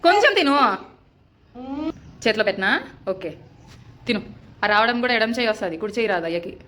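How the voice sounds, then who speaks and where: A woman's voice: fairly high pitch, pushed and bright, a little hiss or hum. A young woman at home, scolding and coaxing her toddler in a casual family vlog, exasperated. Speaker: vlogger mother. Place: home, indoors.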